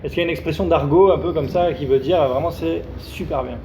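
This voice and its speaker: Mellow, higher-pitched man interviewing casually. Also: fast talker, slight background noise. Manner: informal, conversational questioning.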